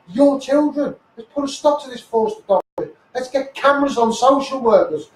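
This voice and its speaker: A campaigner with a Scouse (Liverpool) accent and a very high, slightly mellow voice delivers an impassioned, blunt, sweary live rant, repeating phrases for emphasis. The livestream is echoey and noisy, picked up by a distant mic.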